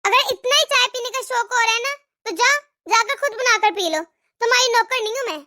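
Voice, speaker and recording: A woman's voice: very high voice, a little fast, bright, forceful tone. A woman voicing a patient elder daughter-in-law in a cartoon who reasons with her mother-in-law. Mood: irritated.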